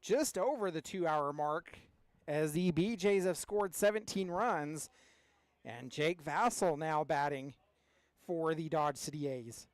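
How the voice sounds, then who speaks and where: A man's voice: a little high, slow pace, no echo. A man giving live play-by-play commentary as a baseball announcer.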